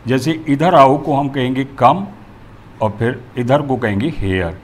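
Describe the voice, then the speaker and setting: A man's voice: mid-range voice, lively intonation, unhurried, slight background noise. A male teacher explaining a grammar lesson, methodical and going through examples step by step.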